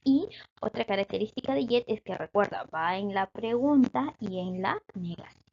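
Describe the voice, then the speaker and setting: A woman's voice: mid-range voice, expressive, normal speed, gravelly, lo-fi sound. A woman teaching an English grammar lesson in Spanish, explaining patiently and checking often that her students follow.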